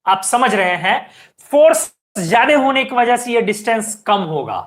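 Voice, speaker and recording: A woman with a fairly high voice teaches a chemistry class. She explains each step patiently. She keeps checking whether her students are following and tells them to watch closely. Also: expressive, moderate pace. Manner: explains step by step, asks students frequent questions; keeps urging students to pay attention. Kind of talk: classroom lecture.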